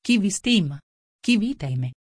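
A woman's voice: mid-range voice, sing-song, unhurried, husky, no echo, studio quality. A woman reading the part of an outspoken, indignant young girl in a storybook.

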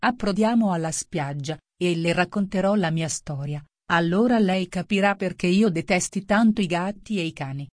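A woman voicing a shrill, touchy little mouse. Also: normal speed, hardly any pauses, darkish tone, no echo, clean studio sound, lightly acted. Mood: hushed. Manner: shrill and angry, trembling. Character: small frightened touchy male mouse. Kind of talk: storybook reading.

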